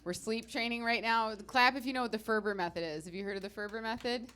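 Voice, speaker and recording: A woman in her thirties doing a stand-up comedy set on a club stage, with a brash, profane, tired deadpan delivery. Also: a little high, quick pace.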